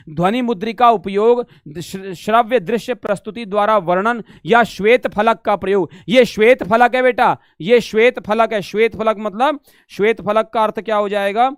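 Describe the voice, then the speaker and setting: A man's voice: sits high, smooth, no echo, studio quality. A man teaching an online exam-prep lesson, repeating points and checking whether students understood. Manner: repetitive, asks "samajh gaye?" often, calls students beta; drills questions back at the class. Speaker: Sanskrit teacher.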